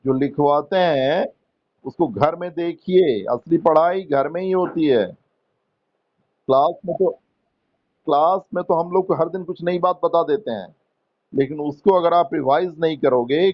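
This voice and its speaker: Man, Indian accent, classroom teacher, slow deliberate pace, coaxing, dull lo-fi sound. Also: a little high. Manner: slow, coaxing teacher prompting students to answer; explains grammar in Hindi mixed with English terms. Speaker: English teacher. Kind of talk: classroom lesson.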